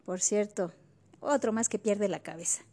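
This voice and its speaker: A woman's voice: mid-range voice, moderate pace, dark tone. A woman, co-hosting a casual history chat and chiming in with questions and wry jokes. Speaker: podcast co-host.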